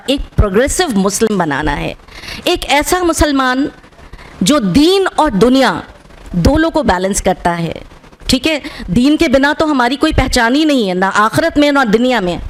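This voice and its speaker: A woman giving an earnest public speech as a guest speaker to children and parents in a school auditorium, often checking in with "right?" and mixing in English words. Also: high-pitched.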